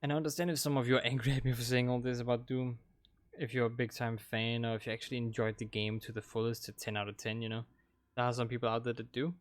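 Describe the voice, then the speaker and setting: A young adult man with a Danish accent delivers fast, flat commentary in a mid-range voice while finishing a game playthrough for his channel. He rambles and hesitates, full of fillers and restarts. Captured on a desk microphone, the sound has no room ambience.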